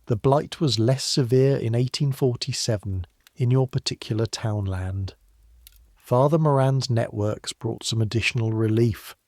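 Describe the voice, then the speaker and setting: A man narrating a history story for sleep in the second person, measured, unhurried and softly grave. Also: medium pitch, dry recording, clean studio sound.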